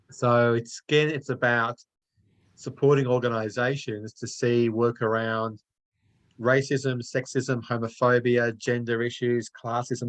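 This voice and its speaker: A man with an Australian accent, a guest author explaining ideas in a measured way during a casual discussion. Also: medium pitch, poor audio.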